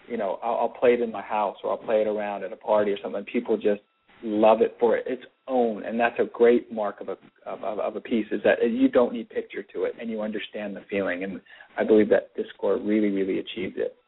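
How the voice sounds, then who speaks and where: Effusive male director, husky voice, phone-like thin sound. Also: fairly low pitch. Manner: enthusiastic, effusive praise. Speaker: film director. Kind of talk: radio interview. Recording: tinny phone-like radio audio.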